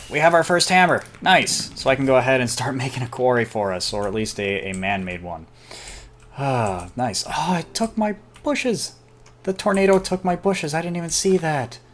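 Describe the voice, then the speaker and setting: A chatty gamer talks through his session at a desk mic, mid-pitched and self-deprecating, breaking into excited outbursts. Faint keyboard typing sits behind him. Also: slight background noise. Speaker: gameplay commentator. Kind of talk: casual let's-play commentary.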